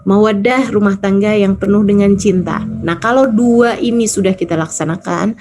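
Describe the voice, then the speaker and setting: A woman's voice: medium pitch, fairly even intonation, moderate pace, music in the background. A woman preacher giving a casual, chatty sermon, telling stories and acting out the people she quotes. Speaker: Islamic preacher.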